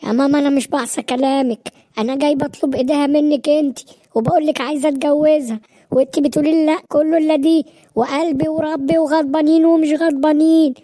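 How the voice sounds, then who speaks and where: A woman's voice: sits high, fairly even intonation, fast, dark tone, lightly acted. A woman voicing a stubborn young man in a cartoon, pleading and insisting with an Egyptian Arabic accent. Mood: insistent.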